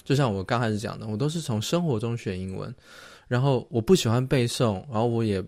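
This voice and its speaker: A man's voice: mid-range voice, fast talker, vocal fry, a little mellow. A young man co-hosting a casual chat show, telling stories animatedly, acting out quoted teachers and laughing often. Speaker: podcast co-host.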